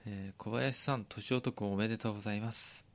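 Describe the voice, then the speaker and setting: A man's voice: on the low side, steady tone, a little fast. A male podcast co-host with a Tochigi accent who reads listener mail aloud politely and then jokes around in casual banter. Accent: Tochigi dialect.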